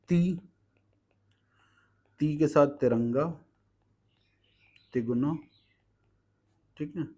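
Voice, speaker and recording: A man's voice: medium pitch, mellow. A man teaching an exam-prep grammar lesson, explaining patiently and checking in with the class again and again. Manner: explains patiently, asks "ठीक है" often.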